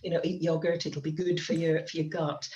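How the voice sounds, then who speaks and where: A woman speaks as an interview guest in a fairly low voice. She explains things in a casual, conversational way. The recording is slightly dull and lo-fi. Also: flat delivery, brisk, a little mellow. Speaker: company founder being interviewed.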